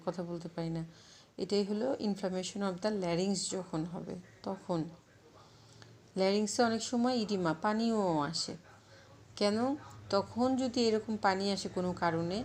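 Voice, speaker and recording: A woman's voice: medium pitch, darkish tone. A woman gives an anatomy lecture over slides, explaining step by step and asking her own questions. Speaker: medical lecturer.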